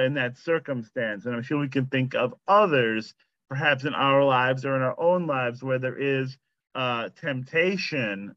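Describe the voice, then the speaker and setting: A man's voice: mid-range voice, a bit bright, dry recording. A man in his thirties, a rabbi leading a Torah study, talking in a loose, conversational way with lots of "you know" and restarts. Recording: slightly muffled lo-fi audio.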